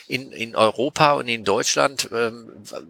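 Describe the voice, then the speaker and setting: A man on a podcast explaining taste science in a patient, lecturing way, often pausing with hesitation sounds. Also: mid-range voice, vocal fry, pushed and bright, no echo. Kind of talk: casual explanatory podcast talk.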